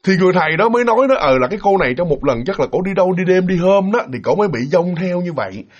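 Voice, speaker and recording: Fast, lively male storyteller. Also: high-pitched. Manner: animated, acts out quoted voices with shouting. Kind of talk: casual spoken ghost story narration. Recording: dull lo-fi recording.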